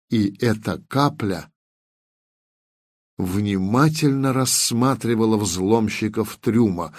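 A man narrating a science-fiction audiobook in a measured way, slowing down on descriptive details. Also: mid-range voice, darkish tone, no room sound, studio quality.

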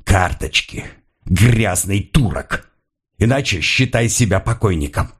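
A man's voice: lowish voice, expressive, measured pace, husky, full character voice. A man voicing a snarling old detective. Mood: menacing. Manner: snarling, menacing. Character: brutal gruff old male detective.

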